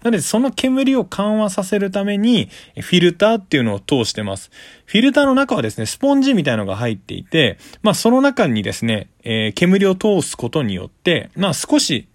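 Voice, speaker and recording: A man's voice: sits high, very animated, a little fast, no echo, clean studio sound. A man giving a casual, polite explanatory monologue as a solo host, going step by step in simple terms. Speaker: solo talk show host.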